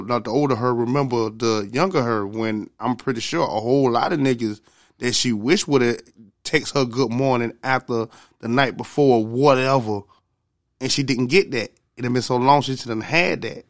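A man's voice: mid-range voice, dry recording, clean studio sound. A man co-hosting a casual podcast, talking in a blunt, slangy way. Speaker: podcast co-host.

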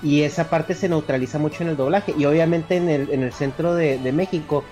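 A man's voice: on the high side, a little fast, dark tone. Man with a northern Mexican accent. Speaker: podcast guest. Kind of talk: casual chat. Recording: faint background music.

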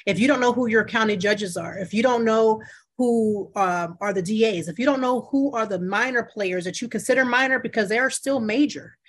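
A woman's voice: a little high, normal speed. An American woman hosting a casual, conversational interview, earnest and emphatic, repeating phrases for stress. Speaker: interview host.

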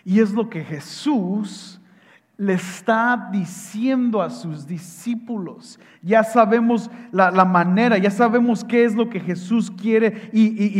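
Male pastor, high voice, slow emphatic sermon delivery, long church reverb. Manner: emphatic preaching with wide swings in loudness; reads scripture aloud slowly and solemnly. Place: church sanctuary at a pulpit.

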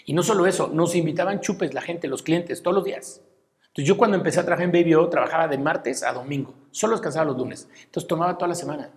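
Slightly high-voiced and quick to talk, the middle-aged man with a Mexican accent is a guest offering frank, fatherly counsel in a casual chat, full of filler tags.

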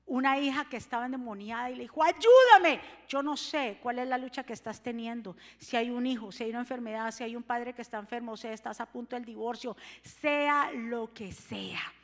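A woman delivers a fervent sermon in a high voice, dropping soft and then rising to shouts. Her voice rings with the long reverb of a church hall. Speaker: preacher.

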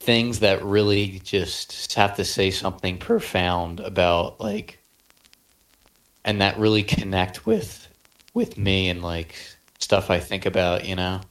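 A man's voice: low voice, steady tone, slow pace, fairly bright tone. Rambling young man with cracking voice. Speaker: podcast co-host. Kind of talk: casual chat.

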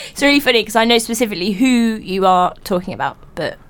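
A British woman hosting a casual radio chat, with a teasing, expressive way of talking. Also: medium pitch, heavy background noise. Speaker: radio host and podcast presenter.

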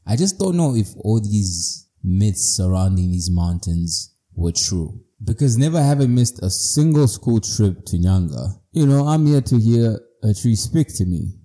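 A man's voice: on the low side, very animated, unhurried, few pauses, warm tone. A man from Zimbabwe, hosting a podcast in a reflective personal monologue, playful and self-mocking. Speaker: podcast host.

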